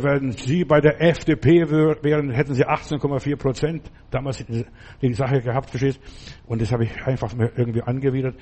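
An older man preaching a sermon, exhorting listeners and retelling stories with animated energy. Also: medium pitch, breathy edge.

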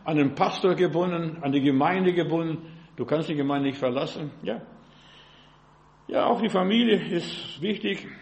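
A man's voice: fairly high pitch, darkish tone. An older man preaching as a pastor, emphatic and peppered with rhetorical questions to his listeners. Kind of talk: sermon.

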